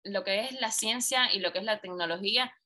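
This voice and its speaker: Speaking briskly in a mid-range voice, a woman guest recounts a personal story in conversation. She animatedly performs the lines of dialogue she quotes.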